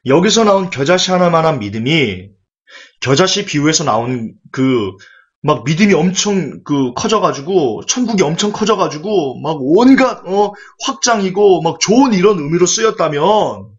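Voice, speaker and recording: A man delivers a sermon with an animated, rhetorical delivery, slipping into quoted voices. His fairly high voice swings widely in pitch. The recording sounds dull and lo-fi. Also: moderate pace. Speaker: pastor.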